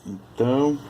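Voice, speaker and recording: A man chatting casually at his workbench, explaining technical details while thinking aloud, often pausing and restarting. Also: medium pitch, noisy background. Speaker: electronics hobbyist.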